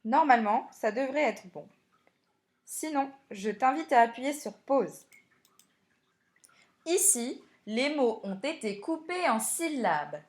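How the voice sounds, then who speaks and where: A woman teacher giving a recorded spelling lesson to primary pupils, explaining slowly and clearly and speaking to them directly. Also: high-pitched, sing-song.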